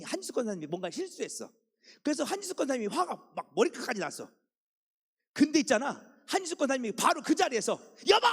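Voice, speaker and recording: A Korean pastor preaching in a church with a high, very animated voice that climbs and drops all the time. He is chatty and teasing with the congregation and answers his own questions. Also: husky. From South Korea. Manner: conversational, asks the congregation questions and answers them himself; jokes gently with the congregation. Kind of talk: sermon. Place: church sanctuary.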